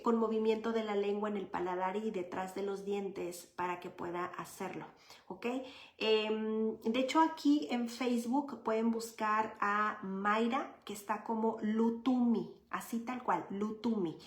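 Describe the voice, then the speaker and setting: A woman with a mid-range voice answers viewers' questions in a live session. She explains child development patiently, in a chatty way full of fillers. The room gives her voice a roomy echo. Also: medium pitch. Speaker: child psychologist.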